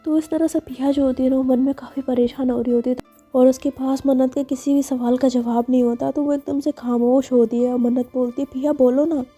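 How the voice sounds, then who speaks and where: A woman's voice: sits high, level tone, a little fast, warm tone, soft background music. A woman storyteller retelling a romance casually, with chatty fillers. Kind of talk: casual spoken story narration.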